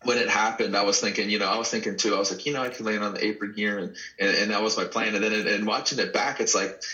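A man from Texas talks casually about his wrestling career, laughing often and restarting his sentences. His voice is bright and forceful and sits a little low. The recording sounds a bit dull and lo-fi. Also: fast talker. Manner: animated storyteller, laughs often, many restarts. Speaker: pro wrestler guest. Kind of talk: casual interview chat.

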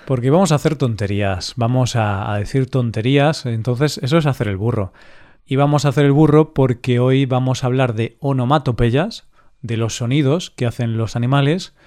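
A man from co-hosting a casual podcast for language learners, talking slowly and clearly and laughing often. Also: medium pitch, mellow. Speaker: podcast co-host.

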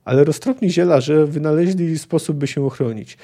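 A boisterous, tipsy dwarf speaks bluntly, in old-fashioned folksy turns of phrase, as a man reads him aloud. The voice is a bit high and soft-toned. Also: normal speed. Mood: boastful.

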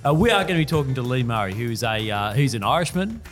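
A man's voice: medium pitch, sing-song, quick pace, faint music behind. A man hosting a podcast and interviewing a guest conversationally. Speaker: podcast host.

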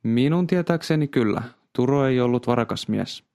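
A man's voice: medium pitch, expressive, creaky, a little mellow, dry recording, clean studio sound. A man voicing a guarded old village woman who answers curtly, in a read-aloud story. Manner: guarded, curt.

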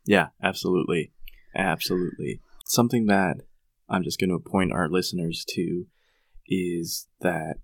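A man co-hosting a podcast, talking in a relaxed, conversational way. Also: deep voice, no echo. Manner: relaxed, conversational, uses fillers. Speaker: podcast co-host. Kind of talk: casual podcast chat.

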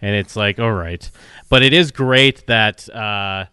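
Man, podcast co-host, halting casual chat, crisp resonant voice, dry close sound. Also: on the low side, bright, forceful tone, dry recording. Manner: loose, halting, swears, many fillers.

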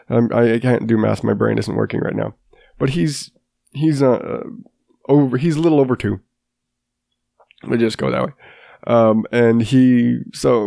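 His voice is mid-range, creaky and a little mellow, heard in a dry, clean studio recording. He is a man in his thirties with a sinus infection, hosting his own casual podcast solo in a rambling, self-deprecating way with plenty of restarts.

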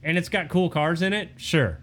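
A man co-hosting a casual chat show, animated and joking, with lots of fillers. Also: on the high side, normal speed. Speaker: podcast co-host.

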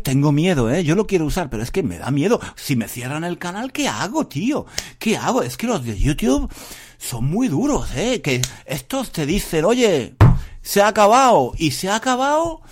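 A man's voice: on the high side, a little mellow. A man giving a casual Spanish lesson podcast, repeating phrases emphatically and speaking straight to learners. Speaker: Spanish teacher.

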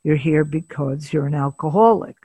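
An older woman, a psychotherapist, telling a patient's story in an interview, measured and pausing often to gather her thoughts. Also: sits low, warm tone, slightly rough, no room sound. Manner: measured, pauses often with filler sounds. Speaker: psychotherapist guest.

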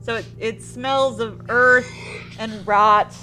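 A woman working as game master, improvising scene narration in an informal, halting way. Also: a little high, fairly even intonation, bright, forceful tone, faint music behind, poor audio.

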